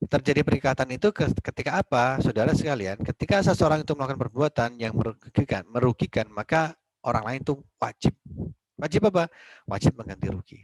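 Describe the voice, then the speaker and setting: A man's voice: mid-range voice, no room sound, poor audio. A man giving a university law lecture in a conversational way, asking and answering his own questions and acting out little dialogues.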